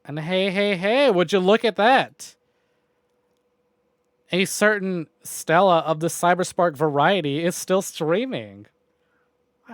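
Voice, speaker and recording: Ending a gaming livestream, a man with a rather high voice chats casually with his viewers. His talk wanders informally, with loose wording and the odd mild curse, and the recording is dry with no echo.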